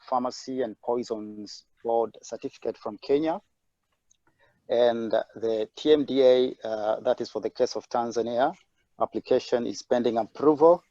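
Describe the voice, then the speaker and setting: A man's voice: mid-range voice, mellow, dry recording. A man presenting over an unstable video-call connection, talking hesitantly with many fillers. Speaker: webinar presenter. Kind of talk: online presentation. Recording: dull lo-fi online call audio.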